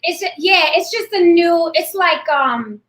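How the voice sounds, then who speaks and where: Brash, bright-voiced woman in her forties. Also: very high-pitched, measured pace, roomy sound. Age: 40s. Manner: brash, blunt and animated. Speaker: host. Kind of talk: live online panel talk. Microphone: webcam.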